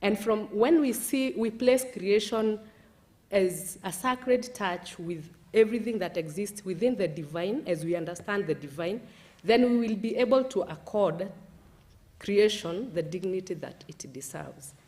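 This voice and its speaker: A woman presenting a paper at a conference, speaking in a halting way with frequent restarts. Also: medium pitch, darkish tone. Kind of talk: academic presentation.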